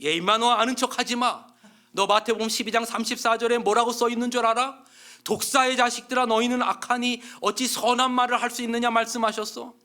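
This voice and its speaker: A male pastor voicing a condemned male murderer who preaches to fellow inmates in a rough, scolding way. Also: high-pitched, a little fast, few pauses. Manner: rough, scolding, shouting commands.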